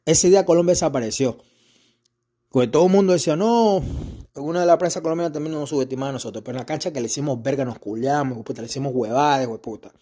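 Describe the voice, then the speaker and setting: A man's voice: medium pitch, very fast, mellow, breathy edge. A man with an Ecuadorian accent giving a heated, profane rant about football. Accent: Ecuadorian Spanish. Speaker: football fan commentator. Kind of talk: angry rant.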